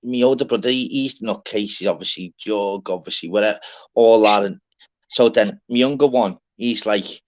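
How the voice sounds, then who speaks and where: A man's voice: on the low side, moderate pace, a little mellow. A man with a Liverpool accent in casual, sweary banter, talking in rambling, repetitive, broken-up sentences. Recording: dull lo-fi audio.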